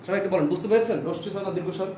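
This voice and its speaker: A man's voice: sits high, steady tone, very fast, dark tone, recorded from a distance. A male teacher giving an online exam-prep lecture, repeating points and asking questions that he answers himself, stretching out example words to show how they are said. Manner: repetitive, quizzes listeners with questions and answers them himself. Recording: echoey room, voice a bit off-mic, faint background noise.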